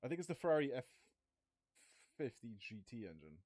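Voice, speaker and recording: A young man streams a racing game live, rambling to his viewers as he tries out cars. His speech is casual and full of swearing, and his voice is starting to wear thin. He sits at a mid pitch and sounds close and dry, with no room sound. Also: sing-song, brisk, darkish tone, dry recording. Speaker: gaming streamer.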